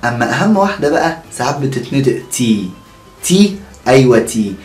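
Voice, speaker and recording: Lively Egyptian man teaching pronunciation. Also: medium pitch, echoey room, faint music behind. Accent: Egyptian Arabic. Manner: energetic, repeats words slowly and checks with "okay?". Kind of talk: online lesson, modelling word pronunciation.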